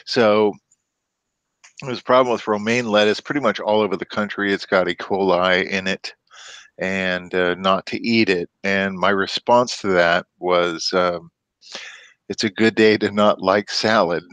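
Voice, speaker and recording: A man's voice: low voice, fairly even intonation, a little slow, a bit bright, clear, resonant tone, no room sound. A man hosting a casual group voice chat, joking and loose, with some swearing. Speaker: host.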